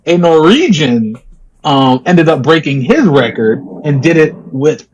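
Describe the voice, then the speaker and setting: A man's voice: fairly high pitch, expressive, measured pace, a little mellow, muffled recording, slight background noise. A man co-hosting a podcast, explaining news stories in casual chat and joking around. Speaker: podcast co-host.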